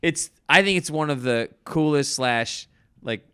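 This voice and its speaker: A man's voice: a little high, a little slow, sharp tone, smooth. A man hosting a casual podcast chat, rambling with restarts and laughing often. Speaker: podcast host.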